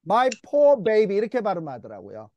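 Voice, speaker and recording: High-voiced, lively man teaching English. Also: moderate pace, dull audio. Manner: patient, coaxing, repeats words for the class. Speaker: English Bible class teacher. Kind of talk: church English lesson, call-and-response drills. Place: church classroom.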